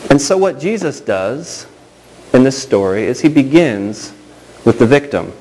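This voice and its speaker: A man preaching a sermon in a conversational, halting way, often restarting his sentences and adding asides. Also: medium pitch, sing-song, darkish tone, slightly rough, rough recording. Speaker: pastor.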